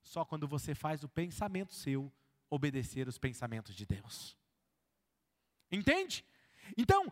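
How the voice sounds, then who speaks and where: Brazilian male pastor, very high-pitched, preaching to his congregation in a reverberant church hall, checking in with them often. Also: a bit bright. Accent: Brazilian Portuguese. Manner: keeps asking the congregation if they follow; acts out everyday scenes in a lowered voice. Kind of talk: sermon.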